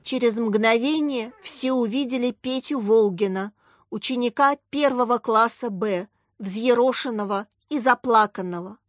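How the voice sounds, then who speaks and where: A woman reading a children's story aloud as the narrator, in clear, even storytelling. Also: fairly high pitch, a little slow, no room sound. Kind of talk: audiobook narration. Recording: dry close voice with soft music.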